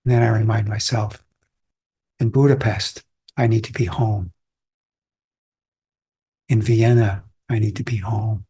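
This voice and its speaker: A Zen teacher from Austria gives a calm, reflective dharma talk in a fairly low, husky voice. He takes his time and pauses often.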